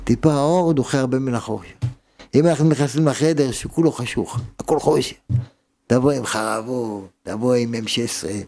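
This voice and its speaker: A man's voice: medium pitch, mellow. A man, a rabbi, giving a sermon with emphatic delivery and many rhetorical questions.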